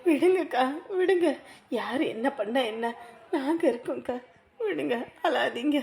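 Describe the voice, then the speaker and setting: A woman's voice: high-pitched, lively intonation, a little slow, gravelly, darkish tone, full character voice. An actress playing a younger woman who soothes and pleads with a grieving relative. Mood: consoling. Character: gentle younger woman consoling her sister-in-law. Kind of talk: family drama acting.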